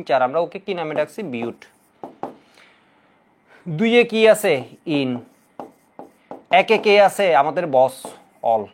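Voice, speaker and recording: Lively quizzing male chemistry teacher. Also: a little high. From Bangladesh. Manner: lively, coaxing, asks students questions and answers them himself; repeats key rules in drilling chants. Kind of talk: exam-prep lecture.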